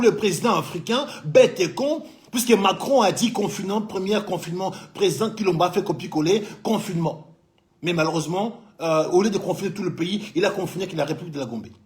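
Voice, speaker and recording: Fiery high-pitched man ranting. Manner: fiery, scolding, repeatedly addressing the president directly. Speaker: business owner living in France. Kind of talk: heated political commentary.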